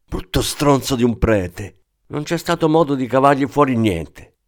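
A gruff, short-fused male deputy inspector bullies a witness in a blunt, barracks-room bark, read by a male narrator. He is loud, crude and impatient. The setting is an audiobook crime novel. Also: medium pitch, lively intonation, moderate pace, pitched above the performer's own voice, natural voice. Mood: angry.

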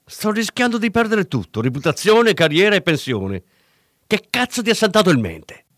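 A man's voice: fairly high pitch, sing-song, normal speed, dry recording, studio quality, pitched above the performer's own voice. A man voicing an angry police officer who delivers cold, cutting threats. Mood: furious.

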